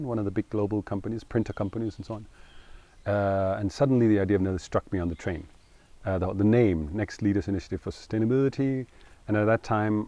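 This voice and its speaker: Middle-aged guy, deep voice, thoughtful and earnest, stops to find words now and then. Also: warm tone, dry recording. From Denmark. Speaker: co-founder interviewee. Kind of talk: reflective interview talk.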